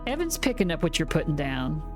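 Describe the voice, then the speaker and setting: A woman streamer casually commenting while playing a game, with relaxed, joking asides. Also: sits low, a little fast. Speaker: gaming streamer. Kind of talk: let's play commentary. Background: game music.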